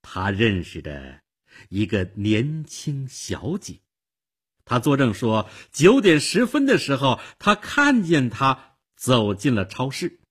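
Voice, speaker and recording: A man voicing a shrewd, calm middle-aged police detective who explains things in a knowing, matter-of-fact way. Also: medium pitch, takes it slowly, breathy edge, exaggerated voice. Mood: informing.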